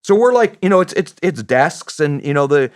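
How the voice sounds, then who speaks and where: A middle-aged man, a former special operations soldier, telling a story as a podcast guest in a lively, animated way, with many restarts and acted-out voices. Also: a little high, moderate pace, dry recording, studio quality.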